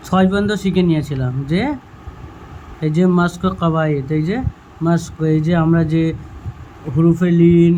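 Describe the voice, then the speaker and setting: A man with a rather high voice teaches a Noorani Qaida lesson, calling out letter after letter in a steady, patient drill. He often stops to check that his pupils are following. The recording is dull and lo-fi, with a faint hiss behind him. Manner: checks in with "thik ache?". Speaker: Quran reading teacher.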